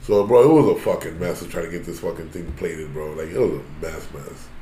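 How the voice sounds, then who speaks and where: A man with a slightly low voice tells stories casually among friends. His speech is informal, full of slang and swearing. The sound is roomy and echoing. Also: a little fast, warm tone, slight background noise. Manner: informal, says "bro" constantly. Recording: roomy echo.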